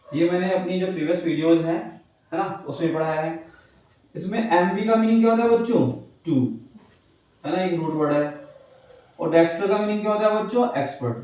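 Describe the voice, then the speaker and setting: A man's voice: high voice, brisk, darkish tone. A male English teacher lecturing a class, who keeps asking his students questions and answering them himself. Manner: repeats checks like "clear hai". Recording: echoey classroom, far from the mic.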